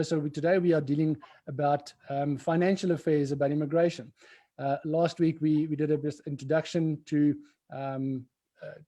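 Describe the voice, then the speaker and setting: On an immigration livestream, a male co-host talks in a casual, meandering way, full of fillers and restarts. His voice sits on the high side and has a mellow quality.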